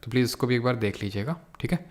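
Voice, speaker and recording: A man's voice: mid-range voice, very fast. A young man teaching a live online exam-prep class, mixing Hindi with English terms and answering viewers' chat questions.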